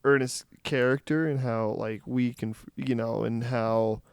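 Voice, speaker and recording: A young man co-hosting a casual movie review chat, talking in halting, filler-heavy bursts that trail off. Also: medium pitch, steady tone, clean tone, dry recording, studio quality. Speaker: podcast co-host.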